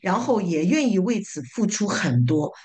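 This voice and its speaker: A woman summarizing her church small group's discussion in a casual, halting way, with frequent fillers and repeated words. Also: mid-range voice, very animated, a little mellow. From living in North America.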